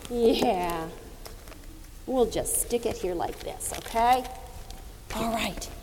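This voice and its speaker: A woman giving a children's sermon in a sweet, patient Sunday school manner, using simple words and gently coaxing. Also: on the high side, slow. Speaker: children's message leader at church. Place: large echoing church indoors. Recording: reverberant church hall with background noise.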